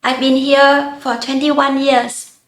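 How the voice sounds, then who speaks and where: A woman in her thirties from northern Vietnam with a Vietnamese accent, introducing herself in a careful, deliberate way. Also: sits high, level tone, fairly bright tone. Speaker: social worker. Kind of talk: prepared personal introduction. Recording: echoey room.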